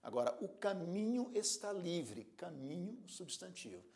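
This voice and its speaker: A man's voice: high-pitched, sing-song, measured pace, vocal fry, a little mellow. A man teaching a grammar lesson, spelling out words and giving examples in a didactic way. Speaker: Portuguese teacher.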